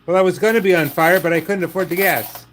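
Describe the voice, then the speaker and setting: Older man, live-stream host, dry jokey asides, fairly high voice, faint coin-machine clatter behind. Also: fast talker, noisy background. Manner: dry, wisecracking asides to viewers. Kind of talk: casual live-stream chat.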